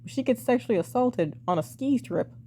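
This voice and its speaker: A young woman reviewing a TV drama in a blunt, exasperated way, sighing and swearing, her voice a bit hoarse and cracking. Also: a little high, expressive, moderate pace, dark tone, slight background noise. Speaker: TV show reviewer. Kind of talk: casual opinionated review.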